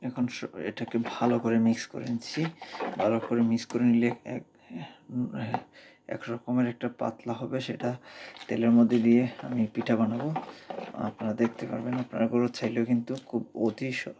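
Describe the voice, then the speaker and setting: A man with a Sylheti Bengali accent talks through a home cooking vlog in a hushed, low-key voice. His voice is cracking from a cold, and his pitch stays flat and even. A faint hiss sits behind him. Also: fairly quick. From Bangladesh. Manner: speaks softly, hushed at night. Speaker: cooking vlogger. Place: home kitchen abroad.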